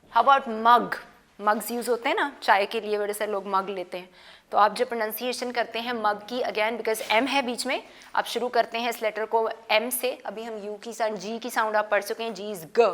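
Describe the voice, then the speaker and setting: A woman teaching a phonics lesson to children, sounding out letters slowly, asking questions and mixing Hindi-Urdu with English words. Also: on the high side, fairly bright tone. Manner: slow, drawn-out sounding of letters with questions to pupils. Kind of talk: slow classroom phonics lesson. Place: studio.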